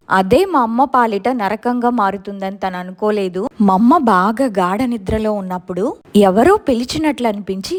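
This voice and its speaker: A woman steadily telling a true ghost story in the first person. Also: a little high.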